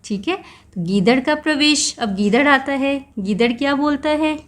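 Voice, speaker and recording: A woman's voice: sits high, measured pace. A woman teacher explaining a textbook story to young children, patiently stopping to explain words and phrases.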